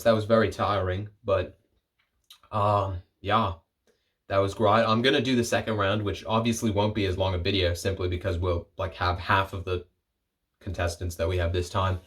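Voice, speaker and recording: A young man with a lowish voice rambles through casual solo commentary for his video channel. He jokes as he goes and keeps breaking off his own sentences. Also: steady tone, normal speed, a bit bright. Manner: rambling, jokey, self-interrupting. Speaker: vlogger.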